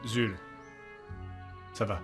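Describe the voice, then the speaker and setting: Hesitant young player with filler words. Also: male voice, extremely slow, fairly bright tone, faint music behind. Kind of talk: in-character tabletop play.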